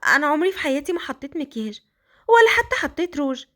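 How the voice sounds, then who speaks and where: A woman with an Egyptian accent voicing a timid young orphan girl who pleads in a quick, anxious way. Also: high-pitched, very animated, a bit bright, pitched above the performer's own voice. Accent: Egyptian Arabic.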